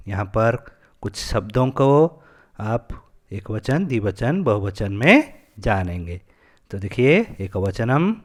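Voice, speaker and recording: A man teaching a Sanskrit lesson to children, patiently asking questions and answering them himself. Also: mid-range voice.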